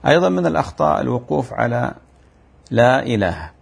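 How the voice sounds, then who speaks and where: A man giving a religious lesson, explaining mistakes in the call to prayer and chanting examples of them, in a drawn-out, repetitive teaching manner. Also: mid-range voice, very animated, gravelly, slightly rough. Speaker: Islamic teacher. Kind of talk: religious lecture.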